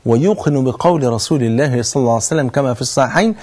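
A man's voice: medium pitch, expressive, racing, darkish tone. A man with an Egyptian accent preaching a sermon in earnest, asking rhetorical questions and answering them himself. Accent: Egyptian Arabic. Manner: earnest, swears oaths to stress points. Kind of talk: religious sermon.

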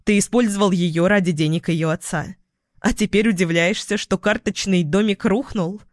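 A man's voice: high voice, normal speed, no echo, clean studio sound, lightly acted. A man reading the lines of a cold, composed young woman psychologist who answers in a cutting, level way.

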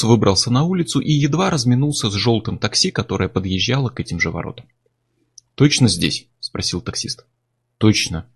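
A man reading a thriller audiobook in a measured, dramatic way. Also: mid-range voice, breathy edge. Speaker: audiobook narrator. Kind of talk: audiobook narration.

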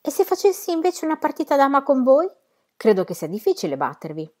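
A woman's voice: sits high, sing-song, fast, pitched above the performer's own voice. A woman voicing a jaunty, teasing young man.

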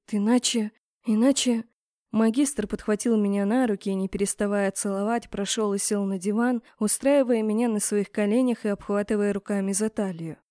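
A woman narrating a first-person romance fantasy story in an expressive, dramatic reading. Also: medium pitch, no echo, clean studio sound. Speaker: audiobook narrator.

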